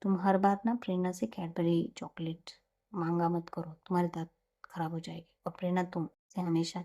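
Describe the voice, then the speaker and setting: A woman storyteller doing a shy young mother who talks a little raised and hesitant. The tone is dark and mellow, with a rough, breathy grain. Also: lowish voice, level tone, moderate pace. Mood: gentle.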